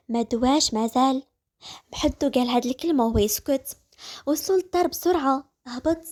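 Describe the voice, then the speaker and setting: A woman with a Moroccan accent narrating a dramatic romance story in a brisk, vivid way. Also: high-pitched, darkish tone.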